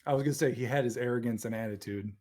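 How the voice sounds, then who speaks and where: A man co-hosting a podcast in casual chat, excitedly retelling scenes and jumping into quoted voices. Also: rapid-fire. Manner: excited, acts out scenes in jumpy high voices. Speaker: podcast co-host.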